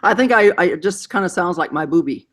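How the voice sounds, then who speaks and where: A woman's voice: on the low side, animated, quick pace, a little hiss or hum. A woman hosting a casual chat show, playful and teasing, laughing often between remarks. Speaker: host.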